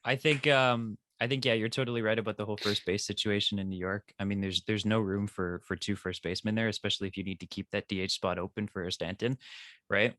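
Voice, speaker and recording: A man with a fairly low voice speaks quickly in a conversational, analytical sports-talk style. The sound is very dry, with no room echo. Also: fairly even intonation, fairly bright tone. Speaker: sports podcast panelist.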